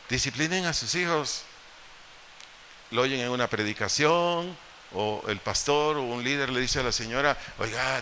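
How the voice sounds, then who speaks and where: Preaching as pastor in an echoey church hall, this Mexican-accented man explains scripture with rhetorical questions and bits of humor. His mid-range voice sounds bright and forceful, and faint noise lingers in the background.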